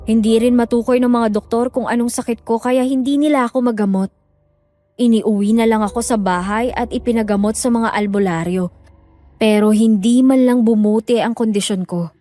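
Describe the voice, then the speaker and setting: Woman narrator, scripted horror storytelling, measured grave tone, slightly high voice, faint music. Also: steady tone, mellow.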